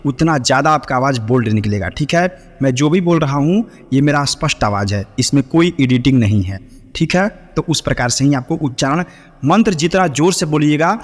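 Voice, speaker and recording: A man teaching Vedic chanting, who explains pronunciation in quick bursts and then chants Sanskrit mantras slowly and melodically. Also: mid-range voice, long reverb tail. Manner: checks in often with short affirmations.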